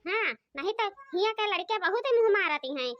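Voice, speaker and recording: A woman voices a gossipy, complaining young village wife in an Awadhi cartoon comedy, chattering in a shrill, nagging, chiding way with an Awadhi accent. Her delivery is animated and brisk, and the recording sounds dry, muffled and lo-fi.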